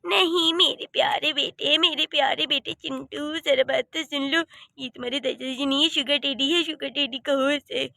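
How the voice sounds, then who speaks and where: A woman's voice: high-pitched, fairly even intonation, moderate pace, gravelly, pushed and bright, dry recording, clean studio sound, full character voice. A woman doing a vain bossy granny. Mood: coaxing. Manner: haughty, teasing. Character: vain old grandmother newly married, bossy.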